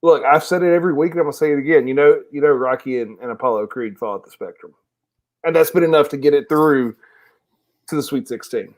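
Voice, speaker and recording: A man's voice: fairly high pitch, fast talker. A man co-hosting a casual sports podcast, rambling with restarts as he weighs his pick. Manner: rambling, many restarts, enthusiastic. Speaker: podcast co-host.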